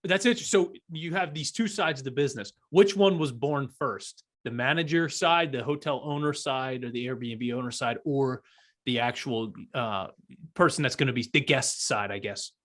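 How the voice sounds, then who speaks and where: A man's voice: mid-range voice, normal speed, a bit bright. A man hosting a casual interview, giving short affirmations and asking long, rambling questions. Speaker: podcast host.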